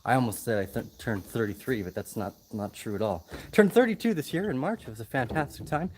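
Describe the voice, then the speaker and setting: A man in his thirties chatting casually on a livestream from outdoors. He talks loosely and haltingly, full of ums and self-corrections, at a middle pitch. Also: expressive, darkish tone, a little hiss or hum. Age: 30s. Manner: loose, hesitant, many ums and restarts. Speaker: livestream host. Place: outdoors in the jungle. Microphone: laptop mic.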